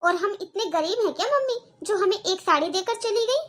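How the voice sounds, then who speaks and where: A woman's voice: very high voice, expressive, a little fast, a bit bright. A woman voicing an outspoken young girl in a cartoon, pleading earnestly with her family. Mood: indignant. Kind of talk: cartoon voice acting.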